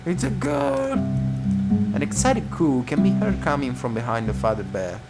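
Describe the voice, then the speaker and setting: A gaming host reads a visual novel aloud and comments casually over plucked guitar music. His voice is medium-pitched and brisk, with big pitch swings.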